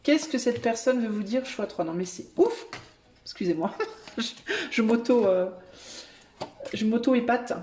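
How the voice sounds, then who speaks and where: A woman giving a channeled tarot reading to her viewers, thinking aloud and breaking into excited exclamations. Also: on the high side, unhurried, pauses often. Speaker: tarot reader and medium.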